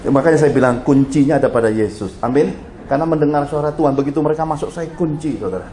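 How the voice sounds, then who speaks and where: A man's voice: on the high side, fast talker, a little hiss or hum. A middle-aged man, preaching a sermon and telling stories to his congregation, often speaking to them directly. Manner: animated storytelling, addressing the congregation directly. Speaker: pastor. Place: church hall. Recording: roomy church hall echo.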